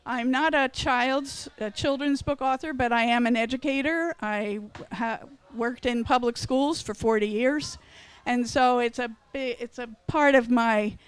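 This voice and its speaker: A woman's voice: a little high, a little slow, clean tone, low-quality recording. A woman in her sixties, a retired educator and author, reading and speaking earnestly at a book expo in short listed phrases. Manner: earnest, reflective, reads in short list phrases.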